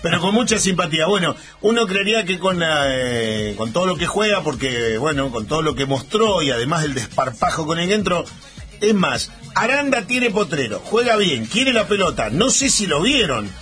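A man with an Argentine accent hosting a sports segment on radio, chatting casually with pauses and fillers. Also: a little high, very animated, pushed and bright. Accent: Argentine Spanish. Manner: conversational, halting with fillers. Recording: radio broadcast with music bed.

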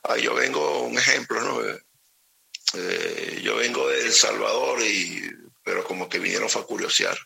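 A middle-aged Venezuelan man with a Venezuelan Spanish accent, speaking on a phone interview, halting and repeating words as he talks slowly and gravely. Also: fairly low pitch, animated, sharp tone, rough recording. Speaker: special state security operator.

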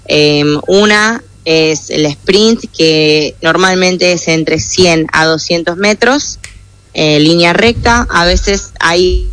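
A young woman from the United States, answering interview questions over a phone call, speaking softly with some hesitation. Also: lowish voice, slow pace, clean tone. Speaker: athlete guest. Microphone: phone call over WhatsApp.

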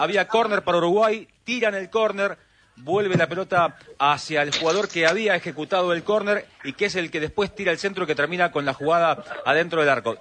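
A man's voice: a little high, a bit bright, slight background noise. A man hosting live radio sports commentary and explaining plays in detail. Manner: talks through plays in detail. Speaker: radio host.

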